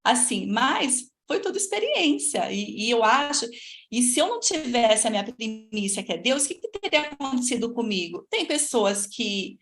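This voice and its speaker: A woman's voice: on the high side, moderate pace. Chatty Brazilian woman telling her story. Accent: Brazilian Portuguese. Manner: lively, chatty, speaks straight to viewers and reads their comments. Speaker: host of a live stream. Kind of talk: casual personal storytelling.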